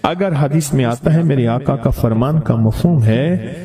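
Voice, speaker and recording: A man preacher telling a story in a sermon, animated and emphatic, often repeating phrases. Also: medium pitch, crowd noise.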